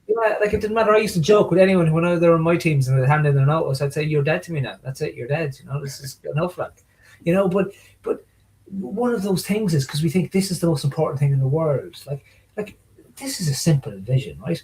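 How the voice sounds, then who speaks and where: Guy on a video call chatting as a guest, bit higher voice, acts out little back-and-forths as he talks. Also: quick pace, low-quality recording. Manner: animated storyteller acting out quoted exchanges. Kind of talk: casual conversation.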